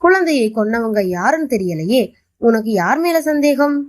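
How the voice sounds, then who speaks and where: A woman voicing a wise young male judge who questions gently and probingly. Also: fairly high pitch, big pitch swings, moderate pace.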